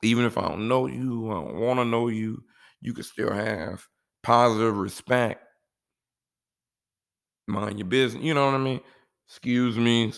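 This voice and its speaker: A man's voice: medium pitch, measured pace, vocal fry, pauses often. A man talking casually and giving life advice in a laid-back, rambling way, often saying "you know".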